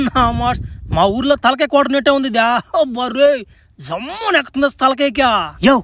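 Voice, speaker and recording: A man's voice: very high voice, sharp tone, no echo. A man performing a comic sketch, trading crude slangy banter with frequent laughter.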